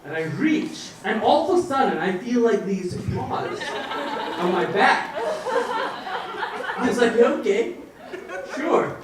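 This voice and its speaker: Young male stand-up comic, very high voice, stammering and rambling, booming echoey room, distant mic. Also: very animated, a little slow, pauses often, a crowd in the background. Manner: rambling, stammering delivery with shouted outbursts. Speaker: stand-up comedian. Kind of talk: stand-up set. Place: comedy stage in front of a live audience.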